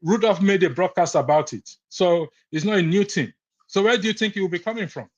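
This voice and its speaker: A Nigerian man calling in to a live broadcast during a heated debate firmly insists his point is on record. His voice is high and fairly quick, and the recording is muffled.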